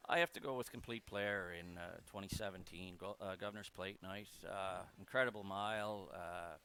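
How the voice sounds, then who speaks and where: A plain-spoken man, a harness driver, giving casual, halting interview answers. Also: low-pitched, steady tone, sharp tone.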